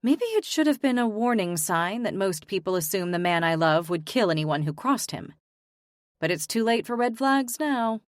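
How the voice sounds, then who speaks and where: A woman's voice: medium pitch, animated, normal speed, dry recording, clean studio sound. A young woman giving emotional, weary first-person audiobook narration. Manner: emotional, weary, introspective delivery.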